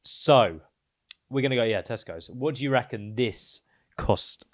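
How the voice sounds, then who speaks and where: A man's voice: mid-range voice, lively intonation, measured pace, no echo, studio quality. A young man with a British accent, co-hosting a casual podcast, quizzing his friend and reacting with emphatic slang. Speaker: podcast co-host. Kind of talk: casual chat.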